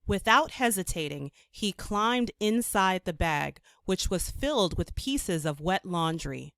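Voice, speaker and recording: A woman reads a children's story aloud as an expressive storyteller. Her voice sits a little low and moves with animated intonation. The recording is dry and close, free of room sound. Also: unhurried, dry recording.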